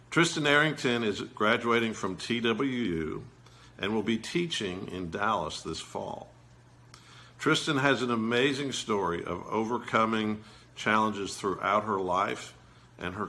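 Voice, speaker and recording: A man hosting a virtual ceremony, introducing speakers in a measured, gracious way. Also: on the low side, sharp tone. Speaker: event host introducing speakers. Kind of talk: scripted introduction.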